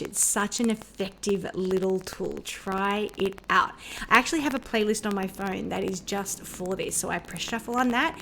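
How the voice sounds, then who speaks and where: A woman in her thirties hosting a wellness talk, speaking in a gentle, upbeat, conversational way. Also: medium pitch, slight background noise. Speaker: podcast host.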